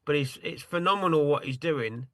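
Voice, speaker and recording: A man with a somewhat high voice walks people through a tool on a video call. He rambles and apologizes as he hunts around his screen, and his sound is close and dry with no room around it. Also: moderate pace, a bit bright, dry recording. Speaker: attendee demonstrating a tool. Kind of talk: casual screen-share demo on a video call.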